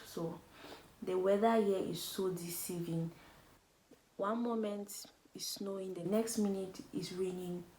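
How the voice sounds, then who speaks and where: Woman, young adult, Cameroonian accent, casual vlog chat, animated, faint background noise. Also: mid-range voice, poor audio. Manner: chatty, animated, slangy. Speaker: YouTuber.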